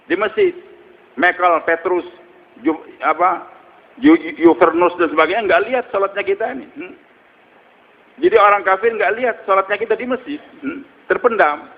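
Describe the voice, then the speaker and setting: A male preacher delivering a storytelling sermon. He speaks in a high voice and keeps asking rhetorical questions. The sound is muffled and carries a long hall reverb. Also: lively intonation, moderate pace, gravelly. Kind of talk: religious sermon.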